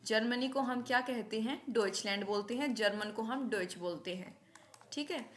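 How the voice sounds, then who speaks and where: Patient woman teacher, slightly high voice. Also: normal speed, a bit bright. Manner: patient, asks a question then answers it herself, mixing English into Hindi. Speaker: German language teacher. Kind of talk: classroom-style lesson, repeating each item.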